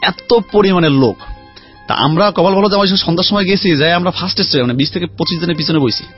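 A man telling a lively story about his life as a guest in a casual chat. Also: high voice, fast, slightly rough. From Khulna region, Bangladesh. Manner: lively anecdotal storyteller, chatty. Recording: dull lo-fi sound with faint music.

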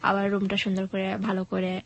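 A nineteen-year-old woman, telling her personal story as a guest, soft and hesitant in manner. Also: medium pitch, completely flat delivery, brisk, gravelly, dull audio. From Bangladesh.

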